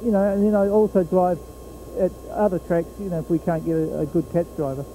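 A middle-aged man with a New Zealand accent, a horse trainer speaking in an outdoor trackside interview, plain-spoken with many pauses and fillers. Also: sits high, little pitch movement, dark tone, a little hiss or hum, rough recording. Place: outdoor fairground racetrack.

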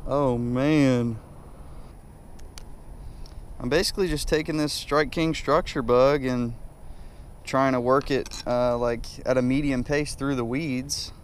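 A young man from South Carolina giving casual, chatty commentary to his viewers while fishing from a kayak on a lake. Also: medium pitch. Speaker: fishing vlogger. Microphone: head-mounted action camera. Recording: faint outdoor noise from an action camera.

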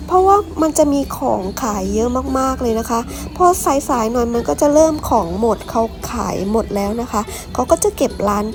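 Travel vlogger, woman, bright high voice with bouncy intonation, polite and chatty, faint music underneath. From Ratchaburi, Thailand. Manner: polite, friendly, often addresses viewers directly. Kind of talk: travel vlog narration to viewers.

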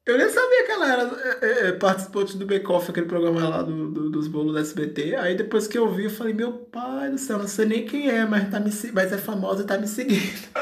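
A man's voice: high-pitched, lively intonation, fairly quick, gravelly, few pauses. A man chatting effusively to his viewers as host, giggling and exclaiming often. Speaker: vlogger host. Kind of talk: casual chat to viewers. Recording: roomy echo.

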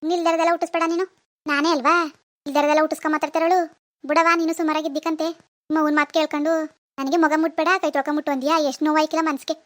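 A sarcastic old grandmother grumbles and takes offence in a rural Kannada village dialect, as a woman voices her for a cartoon. Her voice sits high and her complaints tumble out fast. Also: little pitch movement, a bit bright. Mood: aggrieved. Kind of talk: cartoon voice acting.

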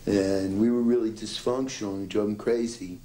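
A man's voice: fairly low pitch, steady tone, moderate pace, dark tone, a little hiss or hum, poor audio. A man reflecting thoughtfully in a documentary interview, with some hesitation.

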